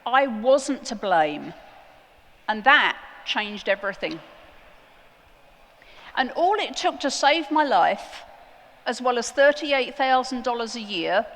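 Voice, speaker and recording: Woman speaker at a conference, earnest, measured delivery, slow and deliberate. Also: on the high side, very animated, fairly bright tone. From outside the United States. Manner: earnest, emphatic with deliberate pauses. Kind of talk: prepared conference talk. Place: large conference hall. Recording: long hall reverb.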